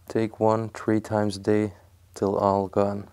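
Young male explorer, deep monotone narration, camera mic indoors. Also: slow pace, background noise. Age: young adult. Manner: hushed, curious commentary while touching old objects. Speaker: urban explorer. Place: indoors in an abandoned house.

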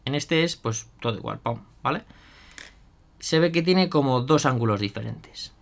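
A man's voice: mid-range voice, lively intonation, moderate pace. A man chatting casually through a hands-on product demo, thinking aloud with fillers and asides to viewers. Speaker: miniature painting youtuber.

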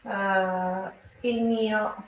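Slow-spoken woman teaching Italian. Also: medium pitch, fairly even intonation, echoey room, distant mic, poor audio. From Brazil. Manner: explains slowly, drills each example aloud. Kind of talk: online language lesson.

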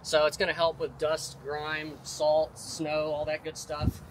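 A man's voice: a little high, monotone, measured pace, background noise. A man in his thirties explaining product features outdoors in a confident, detailed sales manner. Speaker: manufacturer representative. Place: outdoors at a vehicle lot.

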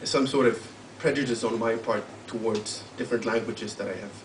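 A man introducing his poem at a live reading, halting and searching for words as he explains it. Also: fairly low pitch, fairly even intonation. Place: live literary event hall. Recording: roomy, distant live mic with faint hum.

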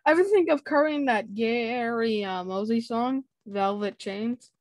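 Joking, slangy host, higher voice. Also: female voice, unhurried, dry recording. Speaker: podcast host, interviewer. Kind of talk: casual interview chat.

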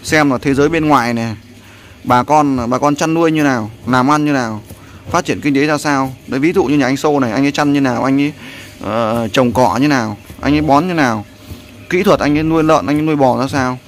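A man's voice: mid-range voice, a little fast, slight background noise. Rambling man vlogging. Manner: rambling, repeats "there" often, coaching someone. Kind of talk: casual vlog narration and instructions.

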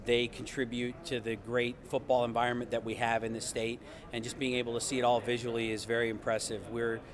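A man in his forties speaking for the team in an interview, with measured corporate talking points. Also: medium pitch, little pitch movement. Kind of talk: on-camera interview. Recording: crowd noise behind.

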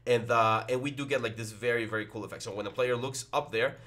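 With a steady, slightly bright mid-range voice and a quick pace, a young headset-wearing instructor walks through 3D modeling on a screen-recorded tutorial. He thinks aloud, full of fillers and restarts.

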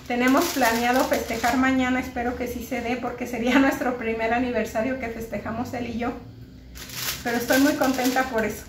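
A woman in her thirties with a Mexican Spanish accent chats casually to her viewers, speaking straight into a nearby camera. Her voice sits high, and she talks in a relaxed, everyday way. The recording has a roomy echo, with clear background noise underneath. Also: a little fast. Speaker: vlogger and homemaker. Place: home kitchen indoors, later outdoors at a park.

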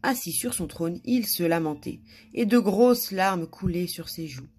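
A woman's voice: lowish voice, expressive, unhurried, a little mellow, a little hiss or hum. A woman reading a children's story aloud expressively, with small slips and restarts.

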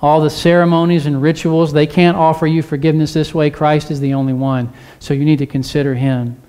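A man's voice: fairly high pitch, little pitch movement, a little fast, dark tone, smooth. A male pastor preaching a sermon in a church, urging listeners with repeated phrases and questions to the congregation. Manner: earnest, repetitive exhortation with rhetorical questions.

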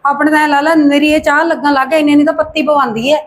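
Actress as high-voiced, fast-talking Punjabi housewife. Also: female voice, level tone, slight background noise, natural voice. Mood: grumbling. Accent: Punjabi, Malwa. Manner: chatty, grumbling. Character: overworked, complaining young woman of a village household. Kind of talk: amateur short-film acting.

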